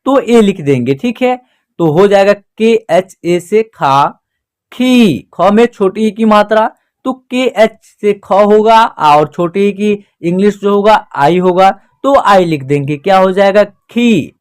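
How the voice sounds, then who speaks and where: Patient teacher with a smooth, clear voice. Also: medium pitch, expressive, darkish tone. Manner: asks questions and answers them itself; slow, patient and repetitive explaining. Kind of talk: spoken classroom lesson.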